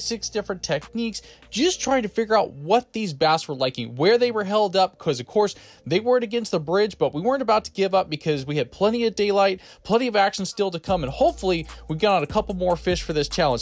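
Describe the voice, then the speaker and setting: Man, fishing vlogger, high lively voice, upbeat and energetic, music behind. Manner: upbeat, excited whoops on catches. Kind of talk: voice-over narration and live reactions. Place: small fishing boat on a river outdoors.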